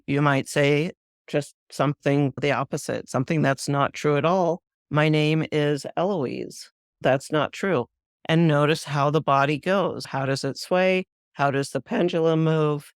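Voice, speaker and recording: A woman hosts her own spiritual podcast and talks listeners through a practice in a calm, measured way. Her voice is smooth and clear. The sound is dry and close, with no room in it. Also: sits low, no echo. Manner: calm, measured, guiding explanations. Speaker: spiritual teacher, podcast host. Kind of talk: instructive solo talk.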